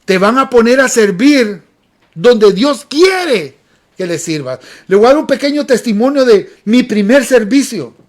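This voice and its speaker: A man's voice: very high-pitched, big pitch swings, unhurried. A man from Honduras, preaching a sermon in an emphatic storytelling way and repeating phrases for weight. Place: church sanctuary.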